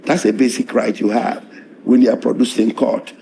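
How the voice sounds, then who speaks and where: A middle-aged lawyer with a hoarse, strained voice, recounting events in a measured, halting interview manner. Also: male voice, medium pitch, flat delivery, warm tone, a little hiss or hum. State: hoarse, voice strained after tear gas.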